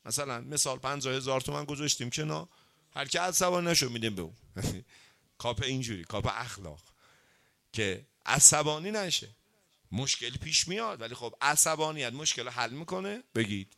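A man preaching to an audience with a bright, forceful voice. He keeps the talk lively, throws questions at his listeners and waits for answers. He slows down to recite Arabic sayings and then explains them. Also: medium pitch, gravelly. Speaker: cleric giving a religious talk. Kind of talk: sermon.

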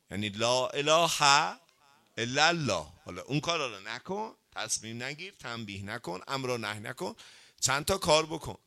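A man preaching to an audience with a bright, forceful voice. He keeps the talk lively, throws questions at his listeners and waits for answers. He slows down to recite Arabic sayings and then explains them. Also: on the high side, vocal fry. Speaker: cleric giving a religious talk. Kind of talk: sermon.

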